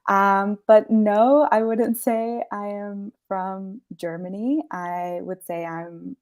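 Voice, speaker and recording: A young woman from Peru who grew up in the US chats as a guest in a casual interview. She's friendly and relaxed, laughing softly between phrases, and speaks slowly in a mid-range voice.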